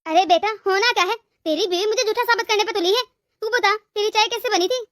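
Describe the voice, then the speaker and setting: A woman's voice: extremely high pitch, quick pace, a bit bright, no echo, studio quality. A woman voicing a harsh, bossy mother-in-law in a cartoon story, berating her daughter-in-law. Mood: accusing. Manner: scolding, berating.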